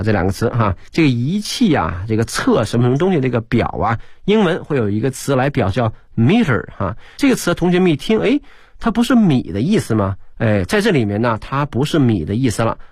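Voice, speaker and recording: A male teacher giving a radio English lesson. He explains words, spells them out letter by letter, and reads English slowly. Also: medium pitch, husky, dry recording. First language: Chinese. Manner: switches between explanation and slow English reading. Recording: dry studio broadcast.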